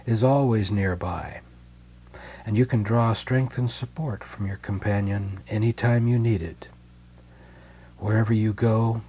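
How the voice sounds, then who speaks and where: A man guides a meditation slowly, gently and soothingly, leaving deliberate pauses between phrases. His voice is on the low side and husky, and the audio sounds dull.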